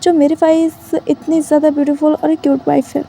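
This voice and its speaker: A calm father soothes and reassures in a gentle way, voiced by a woman narrator. The voice is high with a dark, mellow tone. It is a storybook read-aloud. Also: a little fast, gravelly, a little hiss or hum.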